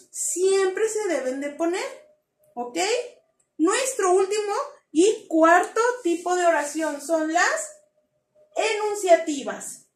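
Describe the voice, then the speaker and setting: Very high-voiced woman teaching children. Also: echoey room. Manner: lively, coaxing, asks children questions. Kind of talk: children's grammar lesson.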